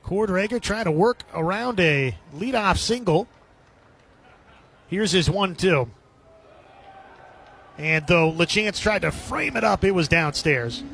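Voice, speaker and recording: A male baseball announcer with a notably high voice calls live play-by-play on the radio, describing the game in clipped, descriptive phrases as a sports commentator does on air. He's animated yet slow, pausing often, and his voice is gravelly, slightly rough, and a bit bright.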